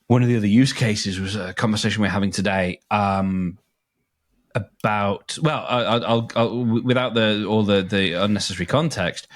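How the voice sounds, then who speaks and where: A man co-hosting a podcast, chatting casually in an animated, joking and teasing way. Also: on the low side. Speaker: podcast co-host. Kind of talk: casual chat.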